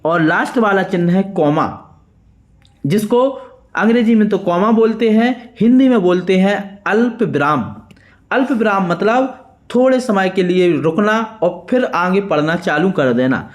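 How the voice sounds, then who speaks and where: Male schoolteacher, Madhya Pradesh accent, high voice, patient dictation. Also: expressive. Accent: Madhya Pradesh Hindi. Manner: slow, clear dictation of words one by one. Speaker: teacher. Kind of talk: worksheet lesson for school pupils.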